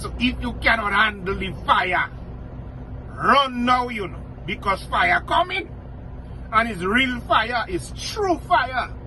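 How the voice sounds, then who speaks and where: Talking directly to the camera, a middle-aged Dominican vlogger with a local accent gives blunt, outspoken commentary, hammering his points through repetition. His voice sits high, and there's background noise.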